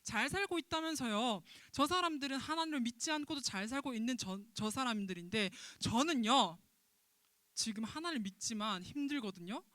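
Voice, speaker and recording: An indignant prophet played by a woman wails his loud, whiny protests in a dramatized Bible story for children. The tone is bright and sharp, and the sound is close and dry with no room around it. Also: fairly high pitch, animated, moderate pace, no echo. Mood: complaining. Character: indignant, sulking male prophet Jonah.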